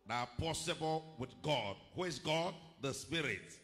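A middle-aged male pastor giving a measured sermon into a handheld microphone at a pulpit, rising to emphatic declarations. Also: fairly high pitch, expressive, fairly bright tone. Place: large church hall, indoors. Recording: long hall reverb.

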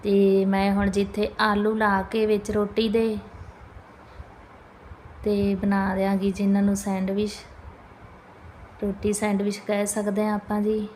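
A Punjabi woman chats through a homely daily vlog. Her mid-pitched voice stays fairly even, and she talks to viewers in a polite, casual way. There is clear ambient noise behind her. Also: a little slow, pauses often. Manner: chatty, homely, addressing viewers with polite tags. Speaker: family vlogger, mother. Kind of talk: casual home vlog narration.

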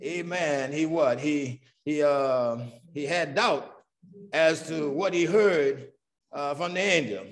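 A man's voice: fairly high pitch, slow. A man leading a Sunday school Bible lesson, who keeps asking "what?" and answering himself, and says "amen" after nearly every point. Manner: chuckles now and then between points. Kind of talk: Bible study teaching.

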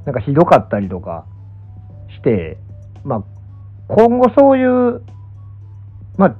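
A young man with a Kansai accent talks off the cuff in a casual stream chat. His pitch moves around a lot as he muses and hedges. The sound is narrow and phone-like, with faint music underneath. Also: huge pitch swings, a little slow. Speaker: pro gamer and streamer. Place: small indoor room, lying down. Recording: muffled, thin phone-like audio.

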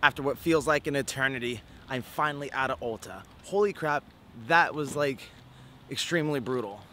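A young man in his twenties vlogging casually to a handheld camera, relaxed and joking, in his car and a parking lot. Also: mid-range voice, moderate pace, a little hiss or hum. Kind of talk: casual vlog chat. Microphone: handheld camera at arm's length.

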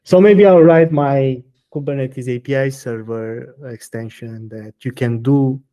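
A man's voice: medium pitch, unhurried, dark tone. Hesitant man answering technical questions. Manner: hesitant, many restarts and fillers, blunt answers. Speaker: guest software maintainer. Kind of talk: technical interview.

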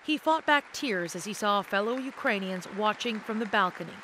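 Female reporter, medium pitch, scripted news narration over noisy crowd sound. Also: animated, normal speed. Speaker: news correspondent. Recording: crowd and ambient noise behind voice-over.

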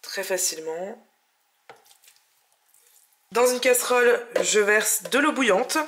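A woman's voice: medium pitch, takes it slowly, fairly bright tone. A young woman hosting a home cooking vlog, chatty and enthusiastic, explaining each step as she cooks in her kitchen. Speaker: cooking channel host. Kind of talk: casual cooking vlog narration.

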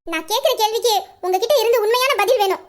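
Brief: a woman voicing an earnest young woman on the verge of tears, very high and fast, pleading, sobs breaking through. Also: lively intonation. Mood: torn. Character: young woman, earnest, torn and tearful bride-to-be. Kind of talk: Tamil audio drama acting.

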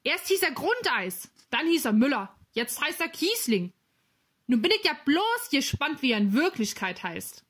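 A woman voicing a brash, bossy boy who leads a street gang, loud and teasing, in a storybook reading. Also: high-pitched, sing-song, normal speed, breathy edge, pitched above the performer's own voice, exaggerated voice. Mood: mocking. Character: brash Berlin street boy, cheeky leader.

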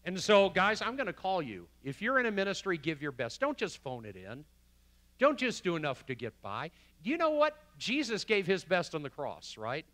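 A man preaching a sermon as the pastor in a church, swinging from loud emphasis to hushed quotes. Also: high-pitched, big pitch swings, normal speed, dry recording. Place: church sanctuary.

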